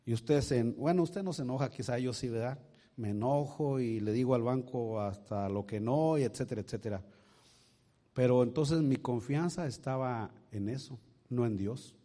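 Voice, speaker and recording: A male pastor preaching a sermon, swinging from quiet asides to loud exclamations and asking his congregation rhetorical questions. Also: mid-range voice, moderate pace. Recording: long reverb of a large hall.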